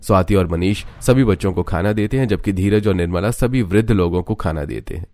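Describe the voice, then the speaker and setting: A man with a fairly low voice reads a cartoon story aloud. His narration is steady and scripted throughout. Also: fairly quick.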